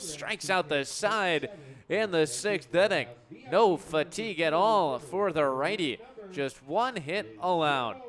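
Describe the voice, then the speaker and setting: A man with a slightly high, somewhat bright voice calls live baseball for radio. He keeps his phrases punchy and clipped, letting them rise on the big plays.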